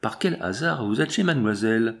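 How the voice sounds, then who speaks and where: A man reading the lines of a frail, polite young woman in an audiobook, with a gently raised voice. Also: medium pitch, animated, brisk, gravelly. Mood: surprised.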